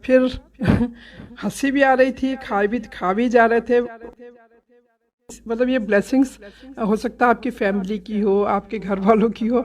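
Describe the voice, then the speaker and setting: A middle-aged woman telling a devotional story from a satsang visit, animated and laughing, acting out many quoted exchanges. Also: on the high side, measured pace. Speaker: devotee sharing a satsang experience. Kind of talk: storytelling testimony.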